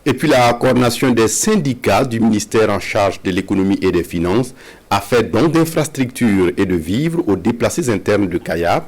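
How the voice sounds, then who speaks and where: A man presenting the midday TV news, reading in a formal, measured way. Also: lowish voice, animated, darkish tone. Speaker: news anchor. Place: TV studio.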